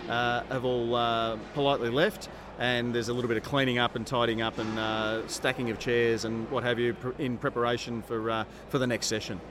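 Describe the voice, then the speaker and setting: An Australian man with a mid-pitched voice chats as a podcast co-host. He is hesitant, wry and self-deprecating. The low-quality recording carries clear noise from the venue. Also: level tone, fairly quick, few pauses. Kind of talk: casual chat. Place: above the floor of a festival hall. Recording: low-quality, noisy on-location event recording.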